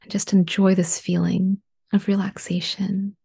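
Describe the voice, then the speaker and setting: Woman doing guided meditation, soft spa whisper, really slow n mellow, breathy. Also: medium pitch, level tone. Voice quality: breathy, hushed. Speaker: guided relaxation instructor.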